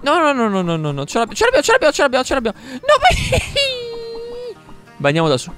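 A young man commentating his own gameplay live, excitable, repeating words in quick bursts and swearing when things go wrong. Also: very high voice. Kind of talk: live let's-play commentary. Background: game music.

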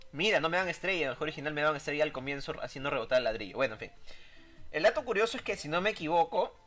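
Bright-voiced excitable man playing a game. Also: fairly high pitch. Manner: excitable, jokey, yelps at surprises. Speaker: gameplay commentator. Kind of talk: casual let's-play commentary. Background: game music.

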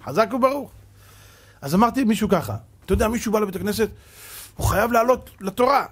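Man, rabbi, sermon, high-pitched voice, husky, animated, rhetorical.

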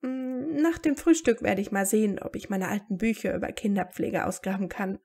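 A woman's voice: medium pitch, moderate pace, creaky, a little mellow, slightly rough. A woman reading aloud and voicing a motherly middle-aged witch who speaks firmly and caringly. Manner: firm and caring.

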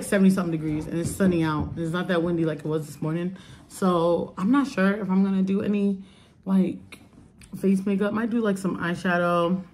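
A woman's voice: on the low side, slight background noise. A young woman chatting casually to camera in a home vlog, rambling with lots of "like" and "um.". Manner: chatty, rambling, many "like" and "um" fillers. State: out of breath, rushed. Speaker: vlogger.

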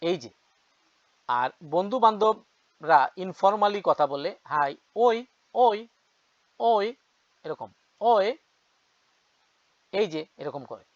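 A man giving a casual vocabulary lesson, repeating each word slowly for learners. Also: high voice, animated, dry recording. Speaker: language teacher. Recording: dull lo-fi sound.

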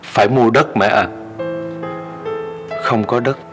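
A man's voice: mid-range voice, steady tone, slow. An actor playing a grown son who pleads with his mother before leaving home for the city, in an emotional TV drama. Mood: pleading. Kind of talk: TV drama acting. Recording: soft music score behind.

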